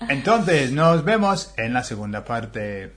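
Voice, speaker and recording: Man, from England, casual video host, unhurried delivery, lively swinging pitch, stops and restarts. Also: a crowd in the background. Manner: animated, hesitant restarts. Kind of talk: casual chat.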